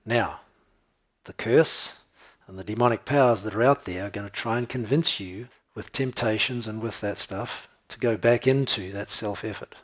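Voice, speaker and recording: Male pastor, low husky voice, relaxed conversational preaching with humor. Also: moderate pace. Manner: conversational, tells jokes and laughs, checks in with "okay?". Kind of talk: sermon.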